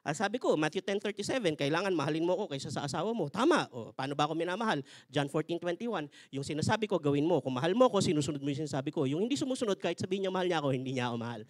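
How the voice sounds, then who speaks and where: A man voicing God as a calm, commanding father figure who speaks low, quiet and unbending. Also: rapid-fire, dry recording, studio quality, lightly acted. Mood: stern calm.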